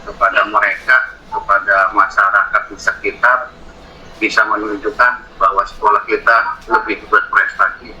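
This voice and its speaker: Low-voiced teacher giving a hesitant report. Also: male voice, level tone, moderate pace, bright, forceful tone, dull audio. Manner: hesitant, repeating words. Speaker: teacher representing the principal. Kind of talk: formal report in a meeting.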